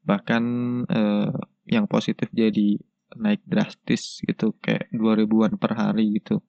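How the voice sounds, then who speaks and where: Casting: young male solo podcaster, congested stuffy nose from a cold, casual and hesitant, monotone, dry close sound. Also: fairly low pitch, measured pace, vocal fry, dry recording, dull audio. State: has a cold with a blocked nose. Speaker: podcast host.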